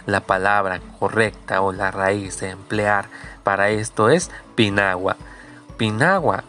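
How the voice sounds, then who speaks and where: A man's voice: fairly low pitch, a bit bright. A man teaching a recorded language lesson, speaking patiently and repeating each word three times for the learner.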